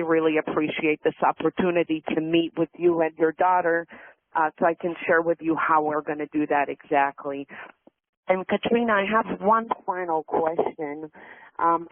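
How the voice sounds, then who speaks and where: A man speaking as a realtor over a landline phone, earnest and reassuring as he makes his sales pitch. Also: no room sound. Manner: earnest, reassuring, repeats key phrases. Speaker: realtor in a practice sales call. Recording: narrow tinny landline sound.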